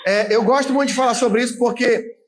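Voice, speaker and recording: A man in his late thirties, a pastor, preaching a sermon in a conversational way, with frequent tag questions and occasional shouted emphasis. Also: very high voice, fairly even intonation, a little fast. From Brazil. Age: 30s.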